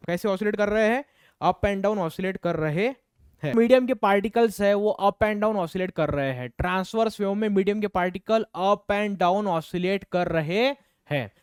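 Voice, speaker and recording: Male physics teacher, high smooth voice, repeats key points, counts rhythms aloud. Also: no room sound, clean studio sound. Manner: asks and answers his own questions, repeats key points. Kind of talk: online classroom lesson.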